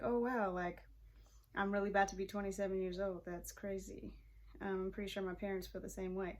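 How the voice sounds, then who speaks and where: Chatty young woman vlogging her makeup. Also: medium pitch. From Pacific Northwest of the US. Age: 20s. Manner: relaxed and chatty, laughs often, lots of fillers. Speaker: hairstylist and vlogger. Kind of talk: casual chat while doing makeup.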